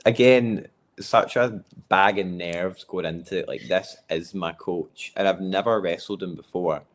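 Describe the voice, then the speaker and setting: Man, posh Scottish accent, deep pitch, casual chat, self-deprecating, jokey. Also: fairly even intonation, a little slow. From Largs, Scotland. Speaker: wrestler being interviewed.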